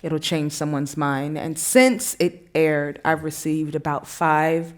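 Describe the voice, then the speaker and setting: Low-voiced woman telling stories with a lot of energy, acts out the back and forth, live panel. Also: takes it slowly. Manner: animated storytelling, acts out quoted exchanges. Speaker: poet and activist guest. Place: live event before an audience.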